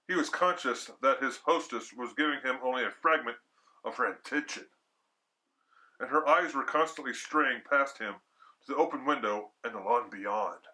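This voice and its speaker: A storyteller and horror show host reads a story aloud theatrically, dropping in casual, slangy, chatty asides. His medium-pitched voice sounds pushed and bright, and the recording is rough.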